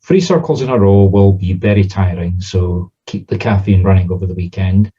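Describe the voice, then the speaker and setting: Male, Southern Scottish accent, low and relaxed, informal explainer-teacher, slightly muffled sound. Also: moderate pace, breathy edge. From Scotland. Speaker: spiritualist medium and teacher.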